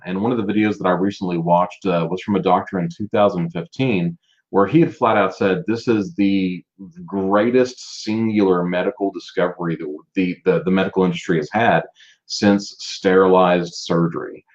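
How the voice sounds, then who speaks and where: A man's voice: low-pitched, darkish tone, dull audio. A man hosting a casual live stream, chatting and greeting viewers by name as he presents. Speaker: livestream host presenting a business.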